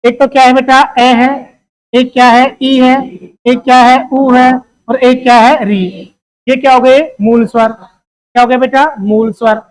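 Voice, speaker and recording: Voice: high-pitched, level tone, unhurried, low-quality recording. A teacher giving an exam-prep grammar lesson. The teacher keeps asking questions, answers them, and calls the listeners "beta.".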